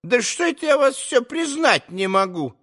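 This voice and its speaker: A man voicing a scolding old female servant in a cracked falsetto, in a storybook reading. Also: sing-song, normal speed, fairly bright tone, heavily acted. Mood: chatty.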